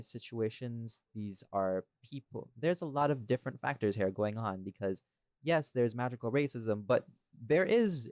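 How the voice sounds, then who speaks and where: With a mid-range, darkish voice recorded dry, a man hosting a relaxed podcast speaks directly to his audience. He creates audio dramas and explains his creative choices emphatically.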